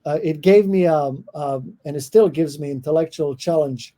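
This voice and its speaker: With a warm voice on the high side, a middle-aged Croatian professor appears as a podcast guest. He speaks with a Croatian accent, answers questions thoughtfully, and keeps pausing with fillers and restarting.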